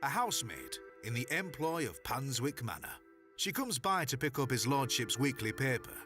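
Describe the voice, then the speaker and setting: An actor playing a wry, guarded innkeeper in a pixel-art adventure game, with music behind him. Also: male voice, medium pitch, sing-song, normal speed, close to an everyday voice. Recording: game audio over music.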